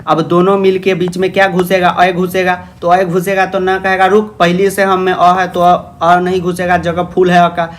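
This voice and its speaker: Man, young teacher, high voice, online class. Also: completely flat delivery, normal speed, few pauses, a little hiss or hum. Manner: plays the students' questions himself; affectionate, calls students "babu". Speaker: Sanskrit grammar teacher. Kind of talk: online lecture.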